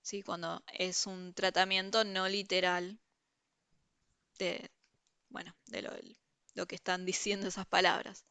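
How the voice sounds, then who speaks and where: A woman's voice: lowish voice, level tone, a little slow, long pauses, pushed and bright, clean tone, no echo. A woman teaching a university review class over a video call, explaining step by step and often checking that students follow. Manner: explanatory, checks understanding with frequent "¿sí?".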